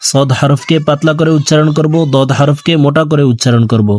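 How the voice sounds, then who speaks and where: A man teaching Quran reading, reciting letters and vowel marks in a slow drill with quick explanations in between. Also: on the high side, fairly even intonation. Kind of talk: recorded recitation lesson.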